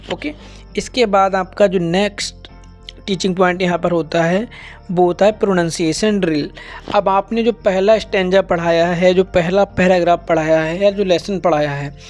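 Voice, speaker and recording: A man who trains teachers, explaining a lesson plan in Hindi and reading the English lines slowly and deliberately. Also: high voice, a little mellow. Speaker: teacher educator.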